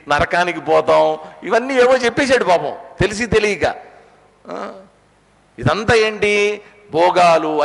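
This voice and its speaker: A man's voice: sits high, fairly bright tone. A man giving a spiritual discourse on scripture. He explains pronunciation and asks the audience rhetorical questions. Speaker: Gita discourse teacher. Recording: long hall reverb.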